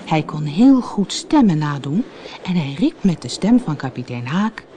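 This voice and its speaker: An expressive reader narrating a children's storybook, with faint background ambience. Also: mid-range voice, a little slow, a little hiss or hum. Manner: expressive, animated.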